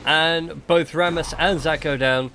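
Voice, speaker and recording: Male caster, upbeat play-by-play, slightly high voice, light background hiss. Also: fairly even intonation, sharp tone. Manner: chatty, quick play-by-play with jokes. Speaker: game caster. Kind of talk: esports play-by-play commentary.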